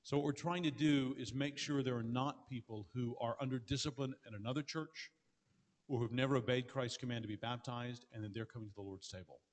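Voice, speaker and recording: Fast-talking pastor man in a reverberant hall. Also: medium pitch, steady tone. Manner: fast, earnest, with frequent restarts. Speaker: pastor answering audience questions. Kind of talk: conference Q&A answers. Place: large hall with an audience. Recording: long reverb of a large hall.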